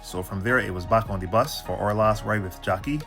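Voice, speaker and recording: Soft music plays behind this travel vlog host, a Barbadian man in his 30s with a Bajan accent. Fairly low-pitched and slightly bright, he speaks fairly quickly, giving laid-back, colloquial narration of his travels and casual interview answers.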